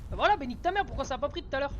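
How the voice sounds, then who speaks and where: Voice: sits high, expressive, rapid-fire, lo-fi sound. A jumpy, foul-mouthed horror game streamer, easily startled and scared, commenting in casual slang while playing. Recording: noisy, game sounds behind voice.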